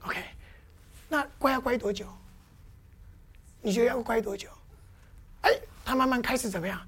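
High-voiced woman quizzing her congregation. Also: fairly quick, breathy edge. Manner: constantly quizzes the audience with questions; lively, with playful demonstrations. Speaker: church teacher. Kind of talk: interactive church teaching.

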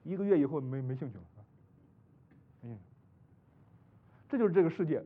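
A man from China preaching a sermon, full of rhetorical questions, swinging between loud exclamations and hushed asides. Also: fairly high pitch, lively intonation, normal speed. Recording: tinny phone-like recording.

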